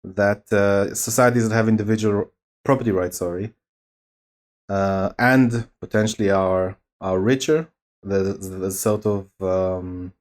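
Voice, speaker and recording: A man explaining his arguments in an informal political debate, halting and deliberate as he builds each point. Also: lowish voice, steady tone.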